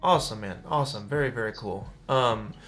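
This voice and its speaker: A man's voice: mid-range voice, a little fast, faint music behind. A young man hosting a livestream interview over a headset, talking casually and with lots of eager praise. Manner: energetic, effusive, casual slang. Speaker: livestream host. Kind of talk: casual enthusiastic interview chat. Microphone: headset on video call.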